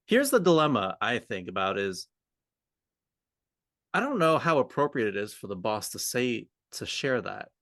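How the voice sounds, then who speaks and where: In a relaxed coaching conversation that features roleplay, a man serving as podcast co-host and communication coach muses aloud informally. He speaks at medium pitch and moderate pace in a sing-song, slightly bright voice, recorded in echo-free studio quality.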